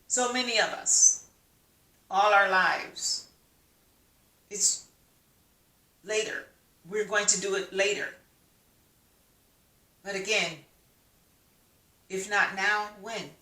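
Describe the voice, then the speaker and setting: A woman's voice: mid-range voice, pushed and bright. A woman vlogger from the United States giving an emphatic motivational talk full of rhetorical questions. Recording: echoey room, mic at a distance.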